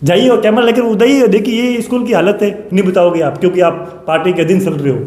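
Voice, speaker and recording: A man's voice: high voice, a little fast, darkish tone. A man, a coaching teacher, delivering an impassioned rebuttal monologue, fiery and repetitive with sarcastic direct address. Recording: echoey room with long reverb.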